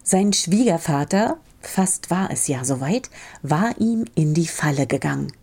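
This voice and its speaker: Slow, mellow-voiced woman storyteller. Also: sits low, husky. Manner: calm, measured storytelling. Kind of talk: fairy-tale reading.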